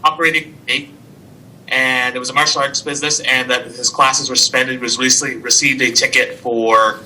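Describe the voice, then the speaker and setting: A male reporter asking a question over a video call whose audio keeps breaking up, speaking haltingly with many fillers. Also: mid-range voice, flat delivery, pushed and bright, slight background noise, low-quality recording. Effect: choppy audio from a breaking-up video stream. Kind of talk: press conference question.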